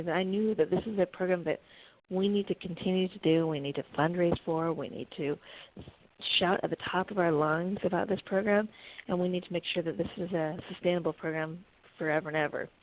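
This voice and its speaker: A woman's voice: fairly low pitch, steady tone, brisk, a little hiss or hum. A woman camp director telling a heartfelt story in a webinar, earnest and full of restarts. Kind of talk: webinar talk. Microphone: conference call. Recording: muffled conference call audio.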